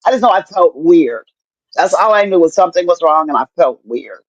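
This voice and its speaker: A middle-aged woman telling her story in casual chat, animated and profane, acting out what people said to her. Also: fairly low pitch, brisk, husky, no echo. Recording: dull lo-fi dry sound.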